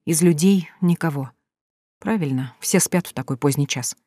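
A narrator reading a thriller audiobook in a measured, tense storytelling manner. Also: medium pitch, dark tone, slightly rough, no room sound, studio quality.

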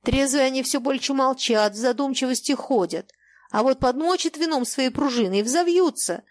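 Brief: a woman reading as an apologetic, downcast boat captain, slow and humble, storybook voice. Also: sits high, no echo, pitched above the performer's own voice, close to an everyday voice. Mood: sighing. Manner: deferential, plodding, apologetic common speech. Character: guilt-ridden male river captain, humble, folksy.

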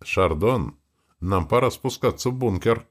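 A rough, squint-eyed henchman, as an audiobook narrator puts him on, pushy yet servile and urgent. His low voice moves lively in pitch as he presses his leader to hurry. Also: unhurried.

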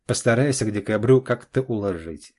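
A self-assured middle-aged father who speaks in short, firm phrases, played by an audiobook reader. The voice stays dark and husky. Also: lowish voice, fairly quick, lightly acted. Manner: curt and clipped. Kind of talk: audiobook character voice.

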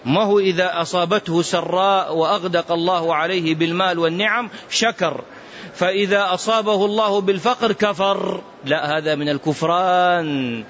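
A man's voice: high voice, normal speed, fairly bright tone, muffled recording. A man giving a religious teaching commentary who speaks with impassioned emphasis and sometimes chants his recitations. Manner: impassioned, emphatic warnings addressed to the listener. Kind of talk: classroom commentary on prophetic tradition.

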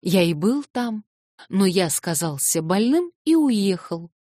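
A woman reading an audiobook and voicing an eager, flustered young man who excitedly protests his innocence. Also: medium pitch, slow pace, no room sound, clean studio sound, voice pushed up. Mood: excited pleading.

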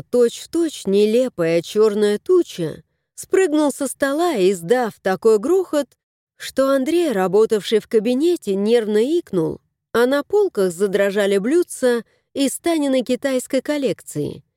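A woman narrating an audiobook in an expressive storytelling voice on a close mic. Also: on the high side, a little slow, no echo.

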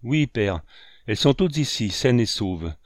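A man's voice: medium pitch, very animated, unhurried, dry recording, studio quality. A man reading aloud and voicing a sturdy young farm son answering his father plainly. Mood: earnest.

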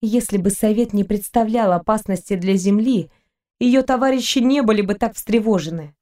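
A woman reading an audiobook aloud as narrator, in a steady, even manner. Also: mid-range voice, normal speed. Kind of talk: scripted narration.

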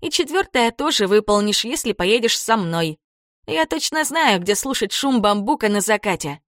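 A woman voicing a gentle, dreamy young woman guide, speaking softly and earnestly in an audiobook. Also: mid-range voice, lively intonation, moderate pace, no echo, studio quality, pitched above the performer's own voice, close to an everyday voice.

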